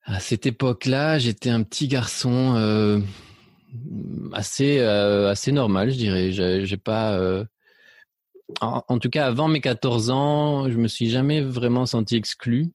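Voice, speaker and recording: This interview guest, a middle-aged man from Spain, reflects hesitantly on his life, his speech full of fillers and restarts and shaped by a mixed French accent with a slight Belgian trace. His medium-pitched voice is darkish and measured, captured in dry, studio-quality sound.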